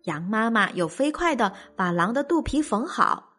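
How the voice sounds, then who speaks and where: Young female storyteller for bedtime reading, high and very lively, soft music underneath. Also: moderate pace, husky. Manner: gentle, animated storytelling.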